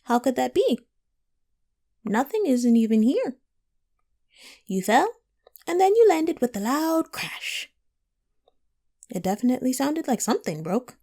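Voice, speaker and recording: A woman voicing a teasing, riddling female cat from Wonderland in an audio roleplay, coy and playful with drawn-out, whimsical phrasing. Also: sits high, sing-song, warm tone, heavily acted. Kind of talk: scripted audio roleplay addressed to the listener.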